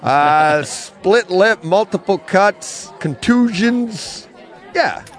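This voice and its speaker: A middle-aged man co-hosting a casual podcast from a comic bookstore, telling an animated story and laughing often. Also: sits high, drawn-out words, a faint crowd. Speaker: podcast co-host.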